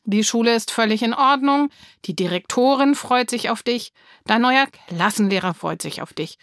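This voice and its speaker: A woman voicing a patient, loving father who reasons with his daughter in a gently firm, coaxing way, in a storybook reading. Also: a little high, expressive, moderate pace, no room sound, clean studio sound.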